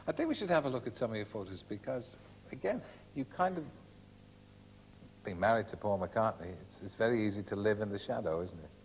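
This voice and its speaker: Teasing chat show host. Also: male voice, fairly low pitch, animated, fairly quick, slight background noise. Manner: teasing, playful. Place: TV studio. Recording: 1980s broadcast, some hall reverb.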